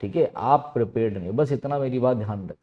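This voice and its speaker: A man's voice: mid-range voice, fast talker, narrow, tinny audio. A man teaching an exam-prep grammar lesson, explaining step by step and repeating key words, often asking and answering his own questions.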